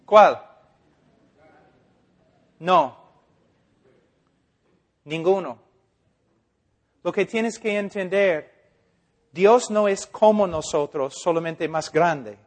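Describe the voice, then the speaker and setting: Male preacher, high voice, unhurried delivery, drops to near-whispers and builds to shouts. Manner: swings from hushed to loud and emphatic. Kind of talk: sermon.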